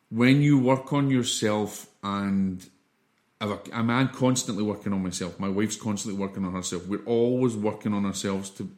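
A man with a fairly low voice speaks as a spiritual teacher in an informal lesson. He explains things earnestly and reassuringly. His delivery is halting, often repeating a word before he carries on. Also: darkish tone.

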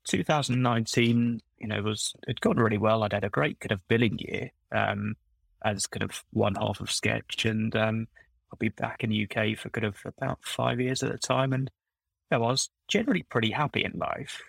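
A man's voice: on the low side, moderate pace, creaky, a bit bright, dry recording, poor audio. A middle-aged man, a former recruiter turned coach, chatting on a podcast in a rambling, self-correcting storytelling manner. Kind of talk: casual podcast conversation.

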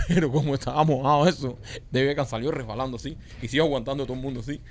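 A man hosting a casual language podcast, animated and swearing freely. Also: medium pitch, rapid-fire, a little hiss or hum. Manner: animated, swearing, loud bursts of pride. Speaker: podcast host. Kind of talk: casual chat.

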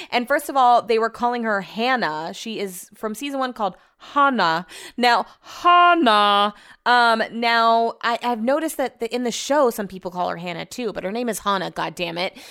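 A woman's voice: a little high, fairly bright tone, clean tone. A woman in her thirties talking casually in a vlog, rambling and chatty, swearing freely. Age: 30s. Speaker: vlogger.

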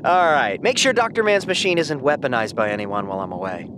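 A man's voice: mid-range voice, lively intonation, a little fast, background noise, close to an everyday voice. A man voicing a sentient freighter spaceship in an audio drama, a brash, easygoing adventurer who talks in casual, teasing slang. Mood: affectionate teasing. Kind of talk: audio fiction drama acting.

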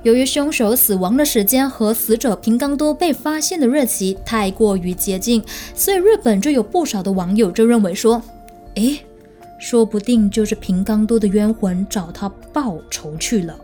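A woman's voice: a little high, lively intonation, moderate pace, hardly any pauses, mellow, soft background music. A woman hosting a true crime show, narrating in a suspenseful, conversational storytelling way and speaking directly to listeners.

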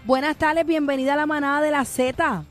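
Animated Puerto Rican radio hostess. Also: female voice, sits high, fairly quick, soft background music. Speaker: radio show co-host. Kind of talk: casual radio chat and interview.

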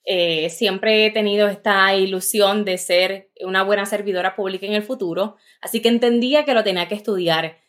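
A woman's voice: mid-range voice, steady tone, moderate pace, hardly any pauses, a bit bright. Puerto Rican woman coach, chatty. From Puerto Rico. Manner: thoughtful, frequent "eh" and "¿verdad?" fillers. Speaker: podcast guest, career coach. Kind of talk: casual interview chat.

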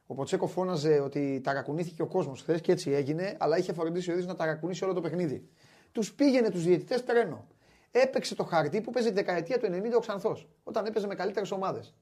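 A man hosting a basketball talk show, chatting animatedly and wryly, often restarting his sentences. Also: sits high. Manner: animated, wry, many restarts. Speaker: sports show host. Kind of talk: casual basketball chat.

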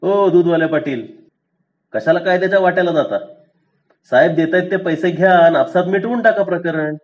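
A man's voice: high voice, fairly quick, muffled recording, pitched above the performer's own voice, close to an everyday voice. A man voicing a lazy but shrewd small-town police constable, offhand and bossy.

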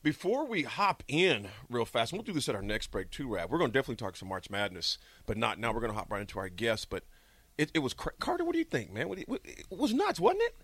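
A man's voice: mid-range voice, fast, slightly rough, no echo. A middle-aged man hosting a radio show in a studio, telling stories with jokes and frequent laughter. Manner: animated, jokey storyteller who laughs a lot. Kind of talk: lively radio talk.

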